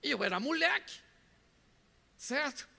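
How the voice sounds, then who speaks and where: Brazilian pastor with a gravelly, bright voice. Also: male voice, very high-pitched, sing-song, a little slow, long reverb tail. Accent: Brazilian Portuguese. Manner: storytelling preacher who bursts into shouts. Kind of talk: sermon.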